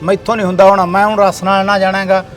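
A man's voice: sits high, little pitch movement, racing, faint music behind, lightly acted. A man playing a grown village son, scolding and bossy in tone. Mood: persuading. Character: grown village son organizing flood relief. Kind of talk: village short film acting.

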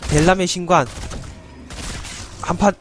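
A man streams a video game with playful, joking, teasing commentary for viewers, yelping "no" over and over in panic during fights. His high voice is fairly even in intonation and a little slow. Game music plays along with slight background noise.

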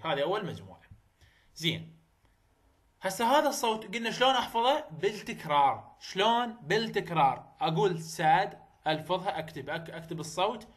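A man with an Iraqi Arabic accent teaching English vowel sounds, repeating example words slowly and coaching the viewer directly. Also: high-pitched, fairly bright tone. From Iraq. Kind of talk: phonetics lesson.

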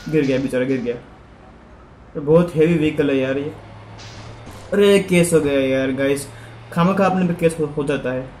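Chatty male gaming streamer, slightly high voice, echoey room with faint noise. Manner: excitable, chatty, addresses viewers as guys. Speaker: gaming YouTuber. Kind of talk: casual gameplay commentary.

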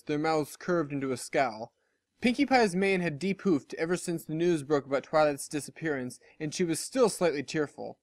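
A story reader with a mid-range voice narrates scripted fan fiction, performing character voices. The recording is dry.

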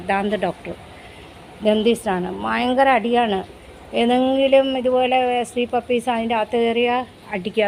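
A woman's voice: fairly high pitch, a little hiss or hum, low-quality recording. A woman, chatting tenderly in a casual pet vlog, recorded outdoors at a house. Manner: chatty, tender, often coos to the dogs. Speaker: pet vlogger.

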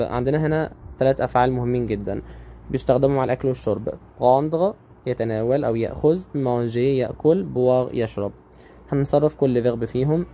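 A man with an Egyptian Arabic accent teaching French grammar online, patiently repeating each word slowly. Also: mid-range voice, warm tone, a little hiss or hum.

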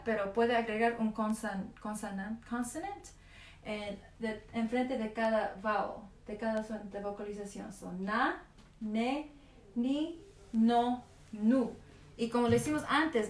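A woman with a mezzo-soprano voice giving an online singing lesson, counting aloud, demonstrating vowel drills and slipping English words into her speech. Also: a little high. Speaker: singing teacher. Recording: roomy sound, mic at a distance, loud piano. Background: piano accompaniment.

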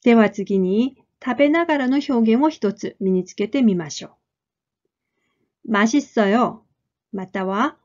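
A woman teaches a language lesson in a fairly high voice. She speaks clearly and deliberately, repeating each model phrase several times. The recording sounds somewhat muffled. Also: lively intonation, a little mellow. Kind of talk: slow, careful lesson explanation.

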